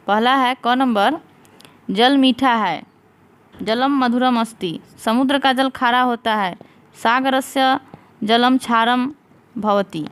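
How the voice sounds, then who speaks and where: Woman teacher, slightly high voice, dictating answers slowly for students. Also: clean tone. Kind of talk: slow step-by-step exam answer lesson.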